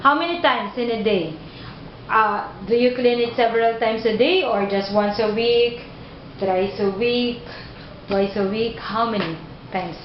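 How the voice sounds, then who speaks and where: A woman's voice: on the high side, measured pace, a little hiss or hum. A woman conducting a job interview, patiently repeating and rephrasing her questions. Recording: dull roomy recording.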